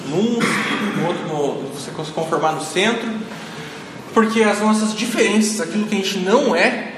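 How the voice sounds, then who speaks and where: This lecturer's voice is high and fairly bright, and he reasons aloud while tacking frequent questions for his audience onto what he says. Noise fills the space, and the hall echoes.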